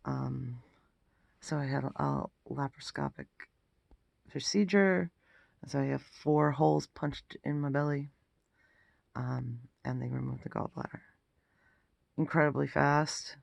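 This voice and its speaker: A man giving a casual personal health update, sounding exhausted and groggy, with a gravelly, croaky throat and a halting delivery that trails off. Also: mid-range voice, fairly even intonation, no echo. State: throat rough after intubation. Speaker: vlogger.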